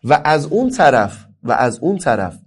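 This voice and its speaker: A man from Iran gives a lecture on family life. He is emphatic, asks rhetorical questions and answers them himself, and draws key phrases out slowly before speeding up. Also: mid-range voice, big pitch swings, slightly rough.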